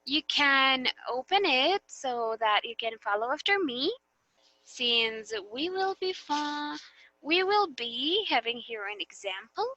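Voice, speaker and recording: A woman teacher with a Filipino English accent leads a classroom demonstration lesson, checking in with students as she goes. Her voice sits high and sounds bright and crisp. The recording is dry and close, with no room echo. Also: expressive, takes it slowly, muffled recording. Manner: patient, guiding questions with frequent okay and right.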